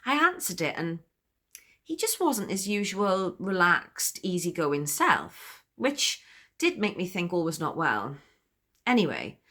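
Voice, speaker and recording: A woman's voice: fairly low pitch, fairly bright tone, full character voice. A woman playing a giggly, chatty storyteller. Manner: confiding, laughs often between sentences. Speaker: monologue performer. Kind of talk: comic spoken monologue.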